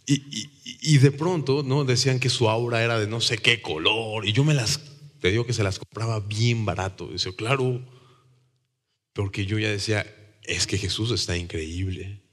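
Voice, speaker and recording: A man with a Mexican accent giving a conversational faith testimony, animated and acting out the voices he quotes. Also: lowish voice, a little fast, long reverb tail. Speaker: testimony speaker.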